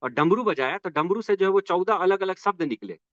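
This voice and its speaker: Brief: male tutor, fairly high voice, dry muffled online-class sound, quizzes then answers himself. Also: lively intonation, brisk, no room sound. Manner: asks rhetorical questions then answers them; frequent "ठीक है" check-ins. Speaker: teacher. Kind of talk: exam-prep grammar lesson.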